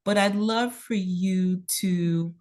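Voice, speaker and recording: A woman's voice: medium pitch, fairly even intonation, takes it slowly, a little mellow. A woman hosting a conversational interview, encouraging her guest and affirming her with frequent murmurs. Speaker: interview host.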